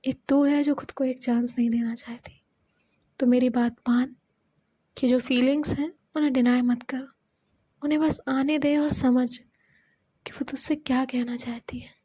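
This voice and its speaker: A caring young best friend with a high voice who speaks frankly and coaxingly, read by a woman narrator. Her tone is mellow rather than bright. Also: steady tone, normal speed, husky, dry recording. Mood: advising. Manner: coaxing, advising.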